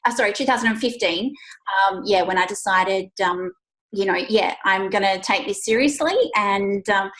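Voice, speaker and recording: A woman's voice: mid-range voice, moderate pace, fairly bright tone. An Australian woman in her thirties, a guest in a casual interview, talking chattily with many fillers and frequent laughs. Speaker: guest, agency owner. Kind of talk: casual interview over a call.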